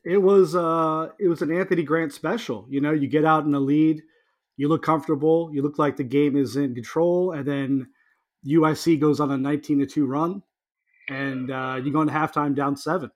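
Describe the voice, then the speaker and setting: A man with a fairly high voice chats casually as a sports podcast co-host. He sounds resigned and exasperated, circling back over his own phrases. He is talking straight into his computer's microphone. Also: fairly even intonation, normal speed. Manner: resigned, exasperated, repeats himself.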